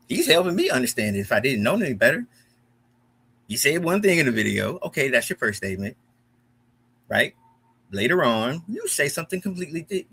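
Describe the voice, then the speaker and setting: Heated, profane American man, animated. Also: fairly high pitch, slightly rough. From United States. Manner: animated, profane, repeats himself when heated. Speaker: commentary host. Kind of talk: heated reaction commentary.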